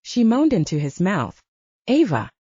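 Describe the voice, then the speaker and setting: A woman narrating a romance audiobook in an expressive storytelling manner. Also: on the low side, normal speed, no echo. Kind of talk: scripted narration. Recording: slightly muffled dry audiobook recording.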